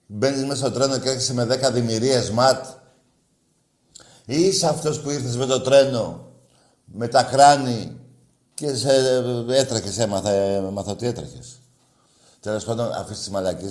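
A man's voice: medium pitch, darkish tone, roomy sound. A man hosting a radio call-in show, teasing and mocking his callers in crude, casual banter.

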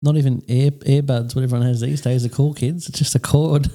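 A very dark, gravelly man's voice. He chats casually as a podcast co-host, relaxed and hesitant, with lots of ums and restarts. It is recorded on a studio microphone. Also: mid-range voice, a little fast. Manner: relaxed, hesitant with many fillers. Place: small studio.

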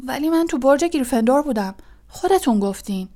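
A defiant teenage schoolboy voiced by a woman reader, his voice pushed up high and loud. He rushes his words in hot, indignant bursts in a storybook audiobook. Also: expressive. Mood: protesting. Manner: raised, loud and hurried outbursts. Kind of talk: audiobook reading.

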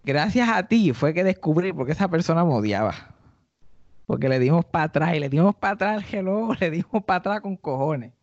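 A Puerto Rican man tells a comic story on a podcast, slipping into others' voices as he goes. His voice is gravelly and pitched a bit high. The sound is dry and a little dull. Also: a little fast, no echo. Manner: animated, acts out quoted people in high voices. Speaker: podcast host and stand-up comedian.

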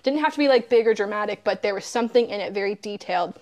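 A woman's voice: medium pitch, fast talker, a little mellow. Enthusiastic woman podcast host. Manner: enthusiastic, filler-heavy "like". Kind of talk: casual interview chat.

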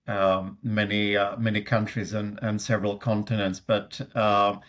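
Lowish and a bit bright, this man's voice keeps a level tone and moves a little slowly. He's a middle-aged Swede with a Swedish accent, responding to interview questions haltingly with many fillers and restarts.

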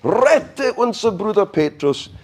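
A man voicing a group of excited early Christians, praying fervently in a shrill, sing-song way. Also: a little slow, full character voice.

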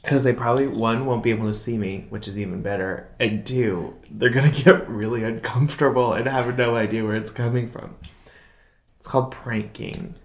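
A man co-hosting a podcast, chatting casually with quick reactions and teasing jokes. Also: medium pitch. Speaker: podcast co-host. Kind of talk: casual chat. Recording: roomy echo.

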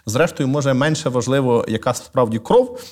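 A man speaking as an interview guest and literary scholar, explaining in a measured, lecturing way with frequent thoughtful "uh" pauses. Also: medium pitch, a little mellow.

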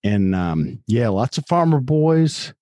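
A man from Chicago hosts a casual interview, chatting and rambling with friendly asides. His voice is mellow and warm in tone, and it sounds close and dry. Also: medium pitch, very animated, takes it slowly, dry recording. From Chicago, United States. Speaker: podcast host.

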